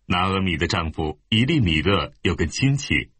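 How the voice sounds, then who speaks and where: Deep-voiced male Bible reader. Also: slightly rough, no room sound. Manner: steady, measured reading. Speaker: scripture reader. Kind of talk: scripted audio Bible narration.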